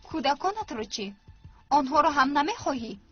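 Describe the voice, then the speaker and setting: A woman's voice: high voice, sing-song. An actress dubbing a stern, bossy woman who orders children about and pushes a plan. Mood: commanding. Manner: bossy, commanding. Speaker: stern stepmother figure. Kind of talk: dubbed TV drama. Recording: lo-fi with music underneath.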